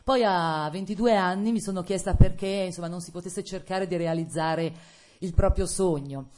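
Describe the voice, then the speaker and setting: A woman's voice: fairly low pitch, moderate pace, darkish tone. A middle-aged woman from Italy, an actress, telling her life story to students in a casual, hesitant way with many fillers and frequent laughter. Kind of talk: casual autobiographical talk to students. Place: lecture hall.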